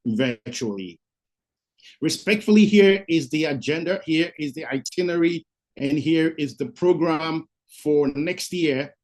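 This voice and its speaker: A man's voice: a little high, a little mellow. Guy hosting a video call info session, hyped and repetitive, keeps calling people leaders. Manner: upbeat, repetitive, addresses listeners as leaders. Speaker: host of an information session. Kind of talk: motivational presentation to an online audience.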